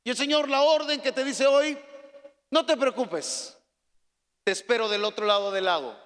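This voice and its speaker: A man preaching a sermon as pastor, swinging from soft, hushed pleading to loud, shouted calls to the congregation. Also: very high voice, moderate pace, clear, resonant tone, in a large hall.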